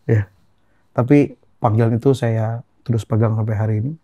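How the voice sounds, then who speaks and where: A young Indonesian man telling an emotional personal testimony as a guest, earnest and halting, repeating phrases as he goes. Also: on the low side, fairly even intonation, warm tone, no echo.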